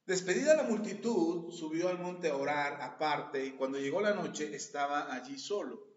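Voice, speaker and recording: A man with a Mexican accent preaching a sermon as pastor, a lively storyteller who jokes and acts out the scenes he reads. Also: on the high side, normal speed. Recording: very echoey, dull lo-fi podcast audio.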